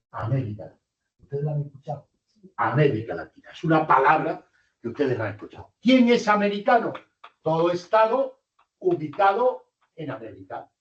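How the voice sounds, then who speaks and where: Older professor lecturing in a hall. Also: male voice, on the high side. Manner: lively, rhetorical questions to the audience. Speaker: university professor. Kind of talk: university lecture. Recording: distant, roomy, muffled lecture hall recording.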